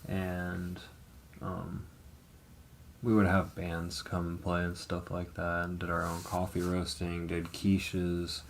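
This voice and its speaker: A man's voice: low-pitched, monotone, takes it slowly, vocal fry, a little hiss or hum. A man in his thirties casually telling his life story on a livestream, hesitant and rambling with frequent ums and the odd swear word. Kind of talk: casual live testimony.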